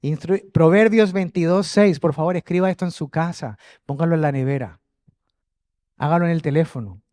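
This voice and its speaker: Male preacher, higher voice, animated and jokey, close dry sound, addressing a congregation. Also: moderate pace, no echo. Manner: animated, jokey, shifts from quiet asides to loud exhortation. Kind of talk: lively Spanish-language sermon. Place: church in front of a congregation.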